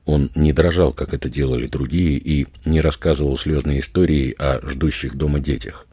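A man narrating an audiobook in a measured, unhurried reading. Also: rumbling low, steady tone, warm tone, breathy edge, no echo, clean studio sound. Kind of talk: scripted narration.

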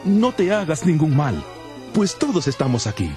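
An actor playing a bold, commanding apostle in a dramatized Bible, speaking emphatically. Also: male voice, a little high, very animated, normal speed, music in the background. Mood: urgent. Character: Paul, bold commanding apostle of early Christianity.

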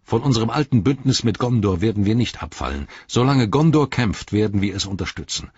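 A man's voice: lowish voice, lively intonation, a little fast, darkish tone, husky, no room sound, dull audio. A man reading as a proud, earnest horse-lord marshal who speaks forthrightly.

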